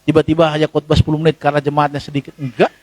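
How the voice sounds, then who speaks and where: In a church, a male pastor with an Indonesian accent preaches in a conversational, animated style, leaping to high exclamations and dropping into low asides as he speaks to the congregation. He talks rapid-fire, and the recording is dry.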